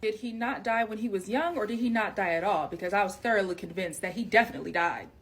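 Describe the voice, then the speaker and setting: A woman's voice: mid-range voice, fast. An American woman hosting a gossipy storytime, talking in a sassy, conversational, slangy way with casual swearing. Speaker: host reading out listener-submitted family stories.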